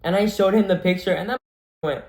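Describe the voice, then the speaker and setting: A man's voice: high-pitched, a little fast, a little mellow. Chatty young man in an echoey room. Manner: chatty, full of "like", acts out quoted voices. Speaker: vlogger. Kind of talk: casual storytelling.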